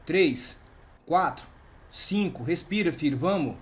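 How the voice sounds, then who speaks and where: A man with a Brazilian Portuguese accent playing a firefighter medic in a game roleplay, urgent and commanding, counting out loud as he works. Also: a little high, animated, slow. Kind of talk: game roleplay over voice chat.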